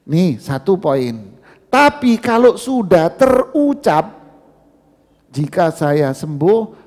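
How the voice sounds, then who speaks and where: Lively, gravelly preacher man in a mosque hall. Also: fairly high pitch. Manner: conversational, addresses audience as "Pak", asks and answers questions. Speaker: Islamic preacher. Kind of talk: mosque study-circle lecture.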